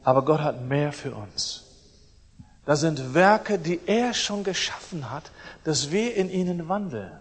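A middle-aged man delivers a sermon with emphatic force, repeating key phrases and swinging between loud declarations and quiet asides. His voice sits a little high for a man. A long reverb trails each phrase, as in a large hall. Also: lively intonation, a little slow, breathy edge. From East Germany. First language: German. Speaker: preacher.

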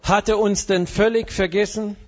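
A man's voice: high voice, fairly even intonation, normal speed, a little mellow, highs cut off. A man preaching a sermon in a playful, joking manner, dropping English phrases in now and then. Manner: humorous, mixes German with English phrases.

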